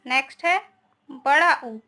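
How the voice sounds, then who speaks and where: A woman's voice: high voice, measured pace, sharp tone. A young woman teaching a grammar lesson, explaining step by step and often checking with her students.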